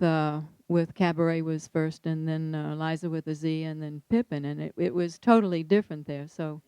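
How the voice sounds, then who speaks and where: A woman's voice: lowish voice, a little mellow, clear, resonant tone, no echo. A woman moderating a panel discussion, asking questions hesitantly with many fillers.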